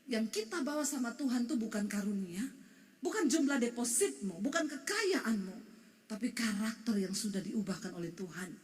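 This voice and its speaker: High-voiced woman preaching in a hall. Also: moderate pace. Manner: animated, shifts into quoted voices and crying tones. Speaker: pastor. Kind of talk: sermon. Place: church hall. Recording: long hall reverb.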